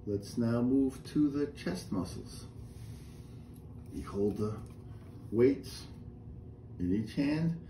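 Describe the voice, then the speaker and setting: A middle-aged man leading a seated exercise class, giving calm step-by-step cues and breathing counts, recorded by a camera a few feet away in a small room. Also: medium pitch, slow pace, pauses often. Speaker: fitness instructor. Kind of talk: guided chair exercise class. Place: small indoor room with a painted wall. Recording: roomy echo, faint room noise.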